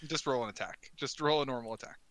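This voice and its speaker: A man's voice: mid-range voice, fast, a bit bright. A man running a tabletop game as game master, narrating casually and laughing often.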